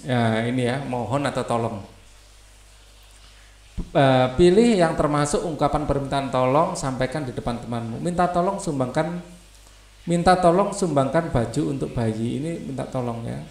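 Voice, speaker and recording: A man's voice: mid-range voice, normal speed, darkish tone, roomy sound. A male teacher, reading textbook passages aloud and explaining them in loose asides.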